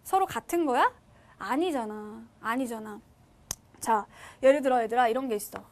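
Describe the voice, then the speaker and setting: A woman teacher lecturing high school students, often asking questions and answering them herself. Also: moderate pace. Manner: lively, asks and answers own questions.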